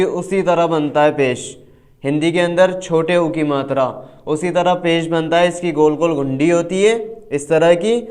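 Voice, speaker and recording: A man leads a reading lesson. He stretches each letter drill into a slow sing-song chant. Between drills he explains quickly. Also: on the high side. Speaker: Quran reading teacher. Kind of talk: online reading lesson, spelling out syllables.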